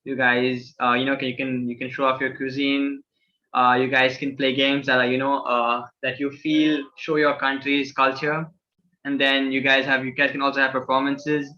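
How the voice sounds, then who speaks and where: A man's voice: medium pitch, level tone, moderate pace, bright, forceful tone, dull audio. A young man from a student association casually presenting campus events to new students, with many fillers and restarts.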